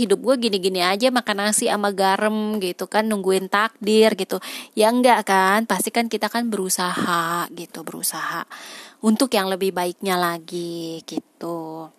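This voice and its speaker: A woman's voice: mid-range voice, no room sound. A woman, talking casually to her viewers, reasoning aloud and dropping frequent filler tags. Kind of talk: casual monologue on life choices.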